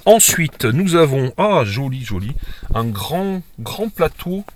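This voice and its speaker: A man's voice: a little high, very animated, slow pace, noisy background. A man casually narrating a board game unboxing, hesitant and self-correcting, full of fillers and admiring remarks.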